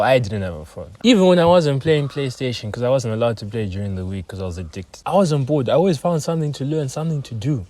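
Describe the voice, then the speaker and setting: A young man talking earnestly in a reflective personal monologue, his voice often trailing off softer at the ends of phrases. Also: medium pitch. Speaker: self-improvement vlogger.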